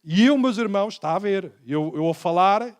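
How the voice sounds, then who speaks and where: High-voiced European Portuguese male preacher. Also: lively intonation, fairly quick. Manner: storytelling preacher, acting out quoted dialogue, often addressing listeners as brothers. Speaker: pastor. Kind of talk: sermon.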